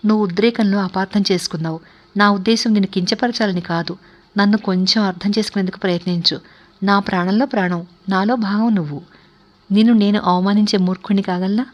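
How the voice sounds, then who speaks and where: A woman's voice: mid-range voice, steady tone, brisk, highs cut off, close to an everyday voice. A woman voicing an earnest young husband and father, pleading and reassuring in a read-aloud story. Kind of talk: audiobook character reading.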